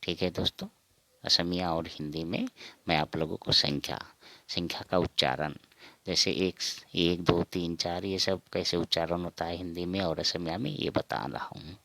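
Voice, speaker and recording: A man with a very low, gravelly voice teaches numbers at an unhurried pace. He repeats every word and asks and answers his own questions. The sound is dry and close. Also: steady tone, bright, forceful tone, no room sound. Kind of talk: slow spoken counting lesson.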